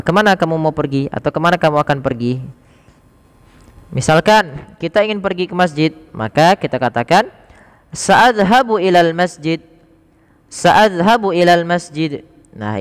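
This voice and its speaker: A man with a slightly high voice teaches in a relaxed, chatty way, full of little fillers. He says each example phrase slowly and clearly, then repeats it for learners. His voice trails off into a long reverb. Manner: chatty, filler-heavy explanations. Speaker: Arabic teacher. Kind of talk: casual spoken lesson.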